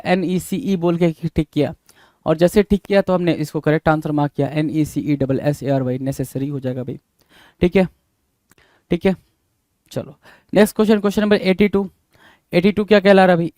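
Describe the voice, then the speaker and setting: A man with a Hindi accent runs a spelling lesson. He spells each word out letter by letter and repeats it over and over. His voice sits a little high and sounds dry and close to the mic, with no room echo. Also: darkish tone. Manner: spells words letter by letter, repeats words, says 'bhai' often. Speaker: English teacher. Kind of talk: spelling lesson, explaining answers.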